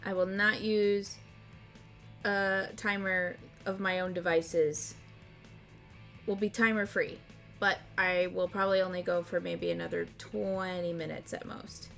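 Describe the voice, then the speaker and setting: A woman streamer chatting casually and easily while hosting party games on a livestream, often quick to laugh. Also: fairly low pitch, flat delivery, creaky, a bit bright. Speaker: streamer and host. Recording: music playing behind the voice.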